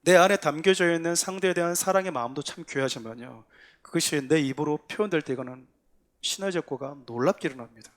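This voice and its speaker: Male pastor, sermon delivery, earnest and emphatic, slightly higher-pitched voice. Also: fast talker. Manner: earnest, rising to emphatic exhortation with acted quotes. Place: church sanctuary.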